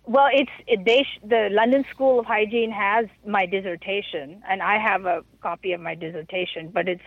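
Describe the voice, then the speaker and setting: A woman answering an interviewer's questions over the phone, halting and stumbling over her words. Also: medium pitch, steady tone, dry recording. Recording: tinny phone line.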